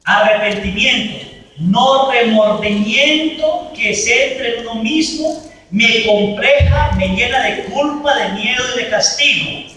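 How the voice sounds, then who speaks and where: A man preaching a sermon as a priest at a healing retreat, emphatic, slowing and swelling on key words. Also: very high voice, sharp tone, slight background noise. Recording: echoey hall from far off.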